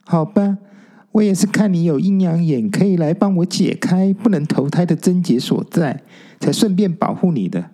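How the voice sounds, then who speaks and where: A man's voice: sits high, sing-song, normal speed, creaky, mellow, husky, voice pushed up, full character voice. Man putting on a smug, bossy young ghost girl. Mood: haughty. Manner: teasing, haughty, scolding.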